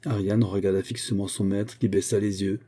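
Brief: male audiobook narrator, low mellow voice, even measured delivery.

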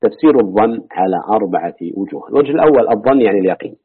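A deep-voiced man with a husky tone reads through an old scripture commentary in a steady, measured way. The sound is dry and tinny, like a phone line. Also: no room sound. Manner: measured reading that drops to low asides. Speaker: reader and teacher of Quran commentary. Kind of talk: reading a classical commentary aloud with brief remarks.

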